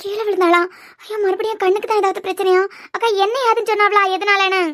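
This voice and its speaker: A woman voicing an anxious, caring young woman in a cartoon serial, with quick questions and a Kanyakumari Tamil accent. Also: extremely high pitch, little pitch movement, fairly bright tone.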